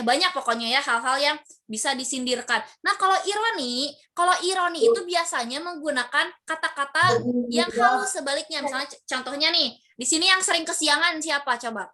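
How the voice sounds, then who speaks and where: A woman's voice: high-pitched, pushed and bright. A woman teacher explaining a lesson to her class with many fillers and acted-out examples. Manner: acts out example quotes for students.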